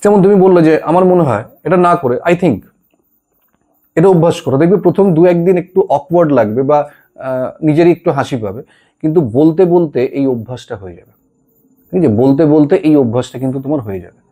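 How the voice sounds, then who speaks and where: A man's voice: a little high, expressive, fast talker, mellow. A man teaching spoken English in a reassuring, encouraging way, often checking in with his students. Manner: reassuring, repeats "ঠিক আছে?" to check in. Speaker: English tutor.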